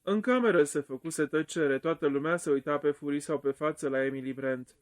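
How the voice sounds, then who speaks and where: A male audiobook narrator reading with a steady, even delivery. His voice sits somewhat high for a man. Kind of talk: scripted narration.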